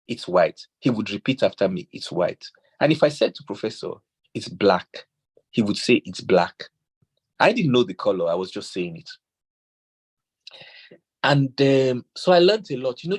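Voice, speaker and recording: A man's voice: mid-range voice, breathy edge. A Nigerian man giving a talk on parenting, telling stories, quoting scripture and acting out the dialogue. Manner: animated storyteller acting out quoted dialogue. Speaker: speaker on parenting.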